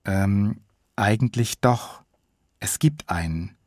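A man reading his own audiobook in the calm voice of a guilty, earnest young boy. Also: lowish voice, slow pace, dry recording, studio quality, voice pushed down.

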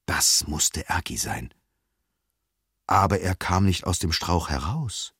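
A man reading a children's audiobook aloud, with lively, expressive storytelling. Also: sits low, slow pace, husky, no echo, studio quality. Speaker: audiobook reader.

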